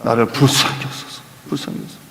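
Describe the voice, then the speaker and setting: A man voicing a desperate blind beggar who loudly and repeatedly pleads for mercy, in an echoey church hall. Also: rapid-fire, a little hiss or hum, close to an everyday voice. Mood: desperate pleading. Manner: loud pleading cries, repeated.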